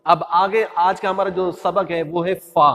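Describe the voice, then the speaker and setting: A man's voice: high-pitched, fairly even intonation, unhurried, sharp tone, big-room sound. A man teaching how to pronounce the letters of the Quran, patiently drawing out each sound in a sung recitation. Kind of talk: religious lesson on pronunciation.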